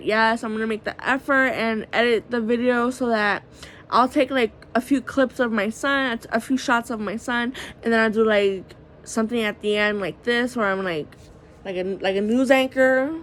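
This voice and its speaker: A woman's voice: a little high, moderate pace, fairly bright tone, slight background noise. Rambling, foul-mouthed woman vlogging late at night. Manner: rambling and candid, heavy use of "like", swears freely. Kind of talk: casual late-night vlog monologue. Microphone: phone camera.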